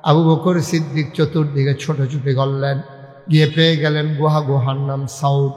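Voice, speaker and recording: A man preaching a dramatic sermon, telling the story with chanted passages and bursts of shouting. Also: on the high side, level tone, normal speed. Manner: dramatic storytelling, acting out quoted dialogue; breaks into melodic chanting. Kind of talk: Bengali religious sermon (waz). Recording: echoey hall sound with long reverb.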